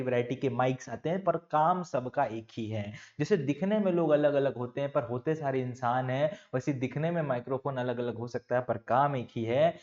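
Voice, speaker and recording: A man teaching a lecture to children, lively and playful, asking questions and answering them himself, recorded on a lapel mic. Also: medium pitch, highs cut off.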